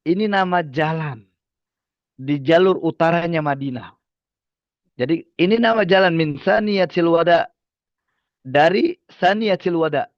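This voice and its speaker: A male Islamic preacher with a high voice, recounting a story and tossing rhetorical questions to his listeners. The sound is dry and close, with a slightly dull, lo-fi quality. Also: measured pace, long pauses, dry recording. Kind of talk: religious study lecture.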